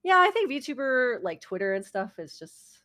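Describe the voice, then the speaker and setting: Woman, VTuber interview guest, casual chat, fairly high pitch, animated intonation, laid-back, giggly. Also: normal speed.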